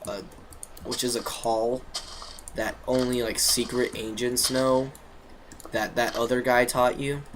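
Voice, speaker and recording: Guy rambling through a game plot, tons of "um" and "like", mid pitch, slangy, a little background hiss. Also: a bit bright, low-quality recording. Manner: rambling, full of fillers and restarts; casual and jokey, slangy. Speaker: gaming video creator. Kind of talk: rambling game story recap.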